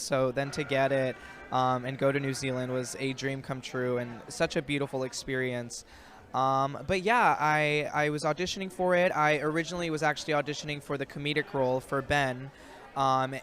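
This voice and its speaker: A young man talks through his story in a relaxed interview, his voice sitting at an ordinary middle pitch. He rambles along with plenty of ums and likes as he gathers his thoughts. It sounds like a casual chat between two people. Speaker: actor guest. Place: outdoors in a built-up area.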